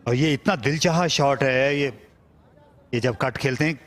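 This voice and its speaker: Mid-pitched Pakistani male cricket commentator. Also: unhurried, faint music behind. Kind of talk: live play-by-play cricket commentary.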